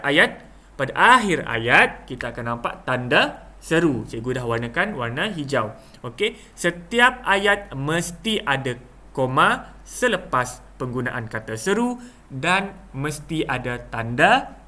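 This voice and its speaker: A man's voice: fairly high pitch, very animated, measured pace, pushed and bright. A young man with a Malaysian Malay accent teaching a lesson, acting out examples with exaggerated intonation and many fillers. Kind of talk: classroom lesson explanation.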